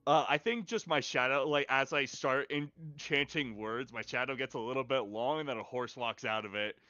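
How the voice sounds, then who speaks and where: A man's voice: medium pitch, fairly even intonation, normal speed, pushed and bright, no echo, highs cut off. A man playing in a tabletop game, chatting in slangy, rambling banter and laughing often. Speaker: player.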